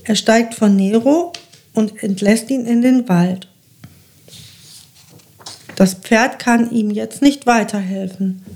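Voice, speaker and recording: A woman narrating a children's fairy tale in a calm, measured reading voice. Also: on the high side, gravelly. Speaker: storyteller.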